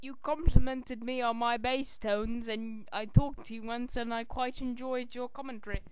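A man's voice: very high voice, fairly even intonation, normal speed, slight background noise, low-quality recording. A tipsy young man co-hosting a homemade show, silly and offhand. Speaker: co-host.

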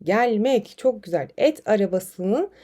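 A woman's voice: mid-range voice, measured pace. A woman teaching Quranic vocabulary in an online lesson, explaining memory tricks and reading short dialogues aloud. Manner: lively, addresses students as friends, reads dialogues aloud.

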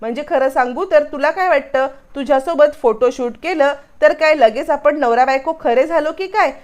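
A woman's voice: high voice, normal speed, lightly acted. A woman reading the lines of an irritable young husband scolding his wife, her own voice barely changed. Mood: irritated.

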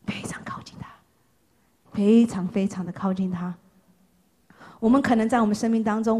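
A woman preacher giving an impassioned sermon to young people, repeating phrases for emphasis and swinging from loud calls to hushed words. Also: medium pitch, slightly rough.

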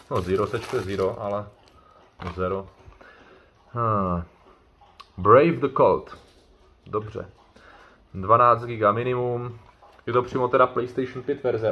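A chatty man unboxing things on his vlog, rambling along and often correcting himself mid-sentence. His voice is on the low side but bright and forceful. A faint hiss of noise sits behind him. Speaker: YouTuber doing an unboxing.

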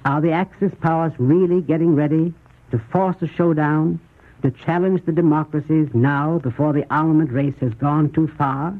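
A man giving scripted 1930s radio news commentary in a measured, formal, rhetorical manner, with a husky voice. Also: fairly high pitch, steady tone. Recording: muffled, tinny 1930s radio recording.

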